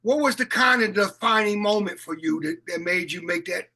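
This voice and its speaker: A man's voice: sits high, pushed and bright. A man hosting an interview, reflecting back on his guest's story with stammered restarts. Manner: stammering, many quick restarts. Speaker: interview host. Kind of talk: conversational interview.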